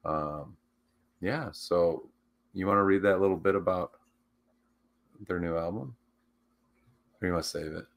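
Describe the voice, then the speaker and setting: A man co-hosts a livestream talk show with a low, gravelly voice, speaking unhurriedly with long pauses. He's upbeat and casual, rambling with plenty of fillers.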